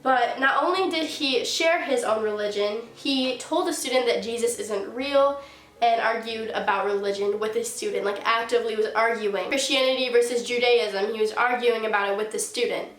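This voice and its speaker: A young woman in her late teens, a YouTuber whose nose is blocked by a sinus infection, casually recounts a story for her vlog, peppering it with "like." She sounds a little high and fairly bright, speaking at a normal speed in a roomy, echoing space.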